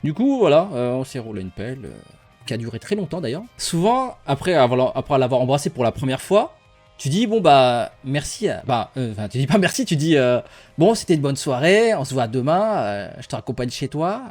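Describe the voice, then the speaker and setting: A man's voice: mid-range voice, very animated, brisk, darkish tone, soft background music. A young man casually telling a personal story to his viewers, rambling and playful, laughing often as he goes.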